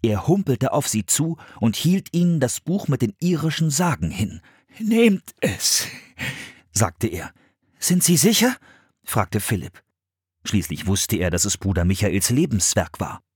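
A man narrating a children's story in a lively storytelling manner. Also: fairly low pitch, moderate pace, breathy edge, dry recording, studio quality. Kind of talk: audiobook narration.

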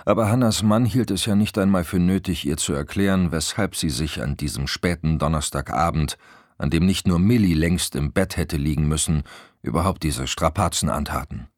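A man narrating an audiobook in an expressive storytelling manner. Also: low-pitched, moderate pace, dry recording, clean studio sound. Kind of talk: scripted narration.

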